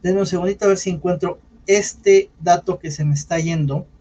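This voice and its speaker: A man with a Mexican accent teaches public speaking in an online session. His voice sits high for a man. He talks in a loose, conversational way, with apologetic asides and self-corrections. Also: fairly even intonation, moderate pace, warm tone, husky, muffled recording. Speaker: radio announcer giving a public speaking talk. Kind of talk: online lecture.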